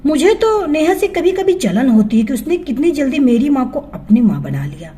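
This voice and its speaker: A woman voicing a warm young married daughter in a storybook tale, speaking gently and affectionately. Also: sits high, sing-song, moderate pace. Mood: tender.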